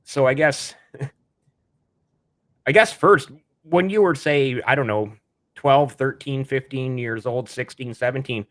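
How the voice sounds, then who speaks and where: Man, Canadian accent, podcast host, middle pitch, eager rambling questions. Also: fairly bright tone. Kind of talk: podcast interview.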